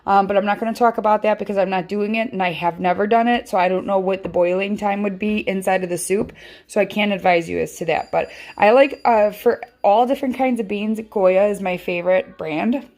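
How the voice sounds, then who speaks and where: A woman who runs a home cooking channel hosts a casual tutorial from her kitchen, shot on a handheld phone. Her mid-range, slightly mellow voice moves a little fast as she rambles chattily with lots of ums. She feels her voice sounds off.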